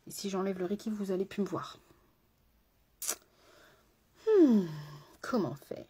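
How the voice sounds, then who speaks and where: Chatty woman with a husky voice. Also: medium pitch, lively intonation, slow pace, dark tone. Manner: chatty, talks straight to viewers, rambling asides. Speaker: makeup artist. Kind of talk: casual live makeup tutorial.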